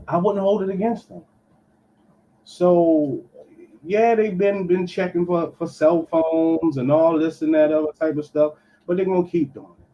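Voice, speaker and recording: A man's voice: on the high side, steady tone, measured pace. A man, a pastor calling in on a muffled line that sounds like he is in a tunnel, giving emphatic, preachy commentary and dropping in "okay" to drive his points home. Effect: muffled call-in line, as if in a tunnel. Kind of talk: call-in commentary. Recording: muffled call audio with faint hiss.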